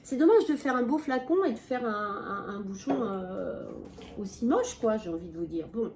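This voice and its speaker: A woman's voice: mid-range voice, lively intonation, moderate pace, a little mellow, slight background noise. A woman chatting casually to her viewers in a product review vlog, enthusiastic and full of fillers and restarts, seated at a small table. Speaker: beauty vlogger. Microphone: camera mic at a small table.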